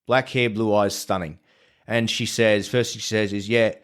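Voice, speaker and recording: A man's voice: lowish voice, normal speed, smooth. An Australian man, a podcast guest, telling stories in casual chat, swearing freely and acting out what people said. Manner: swears freely, animated retelling of conversations. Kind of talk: casual storytelling.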